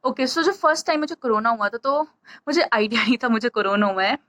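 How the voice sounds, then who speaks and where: A woman talks to her camera in a loose, chatty vlog style and wanders from point to point as she tells her story. Her voice sits a little on the high side, and she sounds short of breath throughout. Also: expressive, quick pace, fairly bright tone, low-quality recording. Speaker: vlogger. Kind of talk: casual vlog talk to camera.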